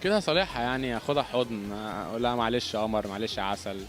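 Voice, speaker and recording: Egyptian guy on the street, normal pitch, talks really fast, jokey. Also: heavy background noise. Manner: joking, laughing. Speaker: interviewee. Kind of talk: casual street interview answers.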